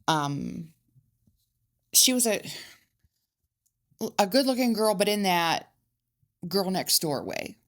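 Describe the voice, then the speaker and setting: A woman's voice: medium pitch, animated, slow, long pauses, a bit bright. A woman co-hosting a casual true-crime podcast, reading case facts with hesitant fillers. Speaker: podcast co-host telling the case.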